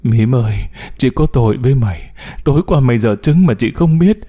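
A man's voice: animated, brisk. A man voicing a distraught young mother, wailing and pleading in grief in an audiobook. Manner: sobbing, pleading, high and loud.

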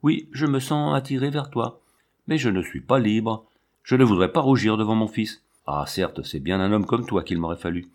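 Man voicing a firm middle-aged woman, storybook reading, stern, refusing, low voice. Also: normal speed, a little mellow, lightly acted. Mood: pleading.

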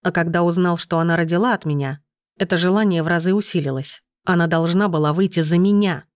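A woman voicing a defiant young man, hoarse and breathing hard. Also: on the low side, quick pace, no echo, studio quality, natural voice.

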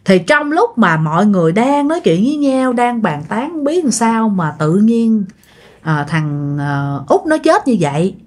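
A woman's voice: medium pitch, sing-song, measured pace, darkish tone. A woman with a Southern Vietnamese accent telling a ghost story casually, talking straight to her listeners with plenty of fillers. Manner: chatty, addresses listeners, many fillers.

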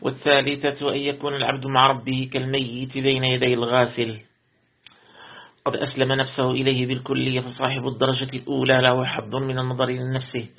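A man, a sheikh, reading a religious commentary aloud as a lesson. He reads steadily, repeats words to correct himself and slows into chant for quoted verses. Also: medium pitch, monotone. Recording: tinny lo-fi phone-like recording.

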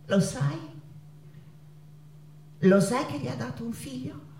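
Dramatic Frida Kahlo, slow and echoing. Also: female voice, on the high side, animated, warm tone. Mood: bitter, low. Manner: dramatic, halting delivery with drawn-out phrases and repetitions. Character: passionate, wounded Mexican woman painter, wife remembering her unfaithful husband. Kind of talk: theatrical stage monologue. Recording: roomy echo with guitar music. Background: acoustic guitar music.

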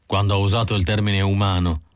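A man's voice: low-pitched, little pitch movement, quick pace, clean tone, no room sound, studio quality, close to an everyday voice. A man voicing a cold, calculating male android leader who speaks in a clipped, matter-of-fact way.

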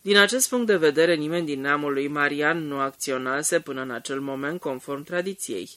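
A man narrating an audiobook in a steady, measured reading. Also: fairly high pitch, no echo. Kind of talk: scripted narration.

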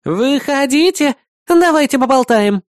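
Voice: high-pitched, lively intonation, unhurried, no room sound, studio quality, voice pushed up. A reader voicing a brash, childish young woman who whines, pleads and bosses people around, in an audiobook. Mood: wheedling. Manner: whiny, pleading, bossy.

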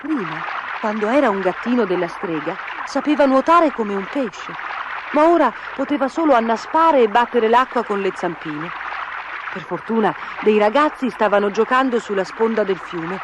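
A woman reads a fairy tale aloud in a fairly high, expressive voice. A steady hiss sits under the recording. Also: normal speed. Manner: expressive, lively. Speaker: storyteller. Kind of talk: storybook reading.

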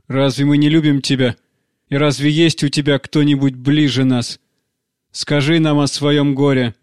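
A stern aging village priest, proud and wounded, pressing his daughter for answers, as a male narrator puts him on. The delivery rises above the reader's usual voice, more forceful and insistent. It is an audiobook reading recorded in a dry, close space. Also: mid-range voice, no echo, lightly acted. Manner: pleading then harsh and commanding.

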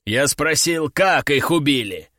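A man voicing a crime boss in his sixties who gives slow, curt commands. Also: on the high side, lively intonation, sharp tone, no room sound, clean studio sound, exaggerated voice. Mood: stern commanding.

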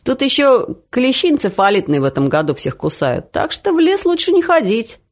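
A woman's voice: fairly high pitch, moderate pace, voice pushed up. A woman reading aloud, voicing a man who jokes darkly with a straight, serious delivery. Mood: deadpan. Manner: flat, serious, deadpan. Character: deadpan joking man, dry gloomy humor.

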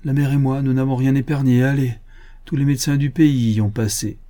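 A man's voice: mid-range voice, steady tone, brisk, warm tone, voice pushed up, close to an everyday voice. A man doing a humble grieving gamekeeper. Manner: humble, emotional, deferential. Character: humble grieving male forest keeper, devoted father. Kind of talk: audiobook character voice.

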